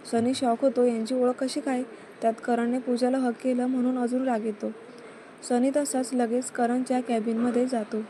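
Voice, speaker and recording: Woman narrating a story in a flat voice. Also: fairly high pitch, slight background noise.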